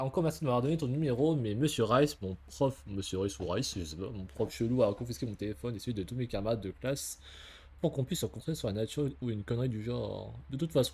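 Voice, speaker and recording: A man's voice: mid-range voice, lively intonation, fast talker, darkish tone, husky, pitched above the performer's own voice. A man reading a game letter aloud in a raised voice, as a nervous teenage girl who rambles and second-guesses herself. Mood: flustered.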